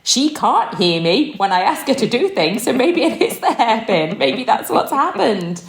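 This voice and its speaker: A woman's voice: on the high side, big pitch swings, moderate pace, vocal fry. A woman, hosting a comedic parenting podcast, chatty and self-mocking, often laughing. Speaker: podcast host. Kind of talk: casual comedic chat. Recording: echoey room.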